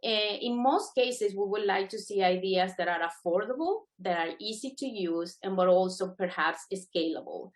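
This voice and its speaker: With hardly any pauses, a middle-aged woman from Venezuela speaks in a mid-range voice at a moderate pace. She's a native Spanish speaker, a guest speaker and adjudicating panel member, offering earnest, encouraging, semi-spontaneous prepared remarks at a webinar.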